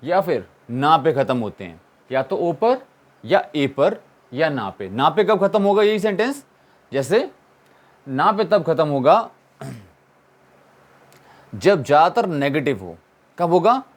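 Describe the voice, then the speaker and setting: A man's voice: fairly high pitch, big pitch swings, slow pace, pauses often. A man teaching an English grammar lesson, asking questions and answering them himself and repeating the key points. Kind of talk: classroom-style explanation.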